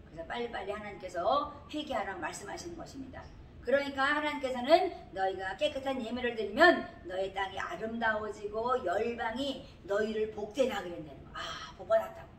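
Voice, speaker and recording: A woman's voice: a little high, fairly quick, far from the mic, slight background noise. A middle-aged woman pastor and missionary preaching an informal sermon, telling personal stories with emphatic exclamations. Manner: emphatic, animated storytelling with exclamations. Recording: echoey room, voice off-mic.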